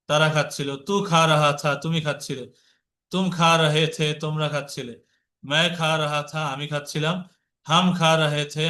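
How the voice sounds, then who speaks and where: A man's voice: on the high side, pushed and bright. A man teaching Urdu grammar from slides, explaining in Bengali and patiently repeating drill phrases. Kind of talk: slide-based grammar lesson.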